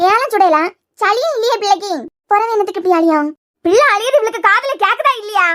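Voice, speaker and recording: Cartoon grandma voiced by a woman, very high and bright, fast nagging Kanyakumari accent. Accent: Kanyakumari Tamil. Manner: scolding, nagging. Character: bossy old grandmother, sharp-tongued mother-in-law. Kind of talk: cartoon serial voice acting.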